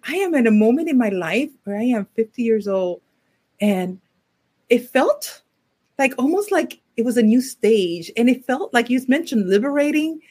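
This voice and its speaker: A woman in her fifties, a social worker and coach, talking as a podcast guest in a thoughtful, hesitant way with frequent pauses. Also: on the high side, darkish tone, slightly rough. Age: 50s. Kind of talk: conversational interview.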